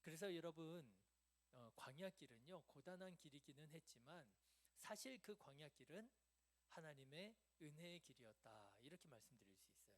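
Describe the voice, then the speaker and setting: A man's voice: fairly high pitch, lively intonation, normal speed. A man preaching a midweek sermon in a church, conversational, asking the congregation questions and answering them himself. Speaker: pastor. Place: church sanctuary.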